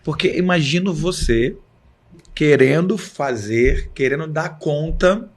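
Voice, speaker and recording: A man's voice: a little high, lively intonation, takes it slowly. A man with a Brazilian Portuguese accent hosting a podcast, supportive and often affirming his guest. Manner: supportive, frequent affirming backchannels. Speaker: podcast host. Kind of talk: talk show conversation.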